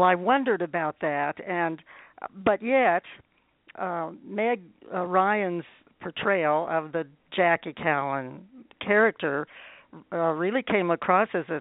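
Halting high-voiced male host on a phone line. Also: no echo. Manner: halting, many fillers and restarts, chuckles. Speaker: radio show host. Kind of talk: hesitant interview questions.

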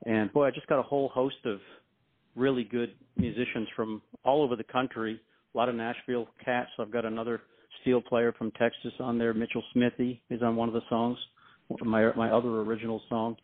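A man's voice: mid-range voice, flat delivery, brisk. A man talking casually as a musician guest in an interview, with a folksy, self-deprecating manner. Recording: thin, phone-like line.

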